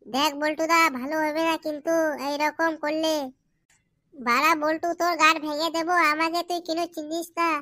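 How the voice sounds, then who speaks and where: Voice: high-pitched, little pitch movement, normal speed, sharp tone, no echo, studio quality. A performer voicing a stubborn, lovestruck young man in a comedy cartoon, brash and threatening. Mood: defiant.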